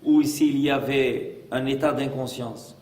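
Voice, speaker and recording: A man's voice: mid-range voice, fairly even intonation, a little slow, a little mellow. A man as a rabbi giving a religious lesson, emphatic and full of rhetorical questions. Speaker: rabbi teaching a class. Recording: echoey room, mic far off.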